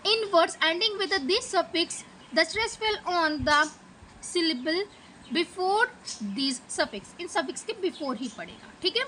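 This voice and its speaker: A woman's voice: sits high, bright, forceful tone, a little hiss or hum, poor audio. A woman teacher from Punjab, India, with an Indian English accent, explaining a lesson step by step and often checking in with "okay". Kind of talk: exam-prep lesson.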